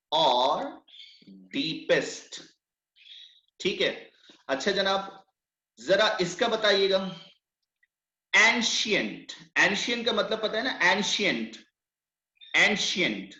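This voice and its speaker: A man's voice: high voice, big pitch swings, drawn-out words, pauses often, bright, forceful tone. A man teaching an online English grammar lesson, questioning students by name. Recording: echoey, dull online class audio.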